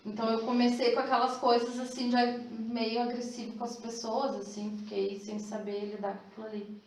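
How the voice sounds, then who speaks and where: A woman's voice: on the high side, level tone, a little fast, darkish tone. A woman, telling a personal story in a hesitant, rambling way with many fillers. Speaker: class participant sharing a testimony. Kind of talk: personal testimony. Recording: very echoey room, distant mic, faint noise.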